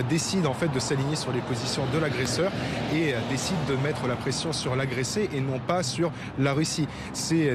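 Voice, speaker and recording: Male correspondent reporting amid street noise. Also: medium pitch. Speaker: news correspondent. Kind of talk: live news report. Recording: noisy outdoor urban traffic ambience.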